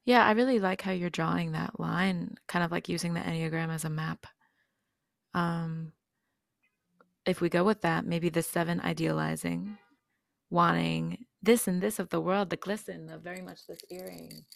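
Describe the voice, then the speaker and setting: A woman's voice: lowish voice, fairly even intonation, moderate pace, gravelly, dry recording, studio quality. A woman in her twenties, a podcast guest, musing in a dreamy way and lingering on her words. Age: 20s. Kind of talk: reflective podcast conversation.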